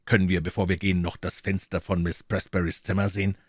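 A calm, measured detective, polite and unhurried, as the narrator voices him. The voice sits low and quiet, close to the mic, with no room around it. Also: male voice, no room sound. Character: calm, dry-witted male detective.

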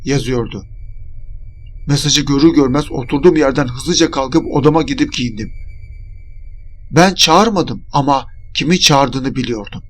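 A man's voice: mid-range voice, unhurried, slight background noise. A man narrating a scripted horror story in a dramatic first-person reading.

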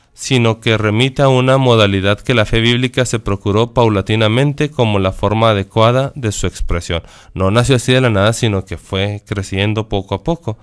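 A man's voice: fairly low pitch, clean tone. A man, a priest on a radio program, reading a text aloud and explaining it. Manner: reads a passage aloud, then explains it. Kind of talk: teaching commentary on a reading. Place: radio studio.

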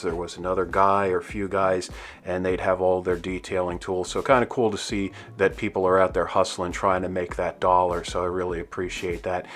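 Low-voiced man narrating a walk outdoors. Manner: chatty, gives shout-outs, loose and rambling. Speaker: dead mall video host. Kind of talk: walking tour commentary. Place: outdoors in an empty parking lot of a closed strip mall. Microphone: handheld camera, filming as he walks.

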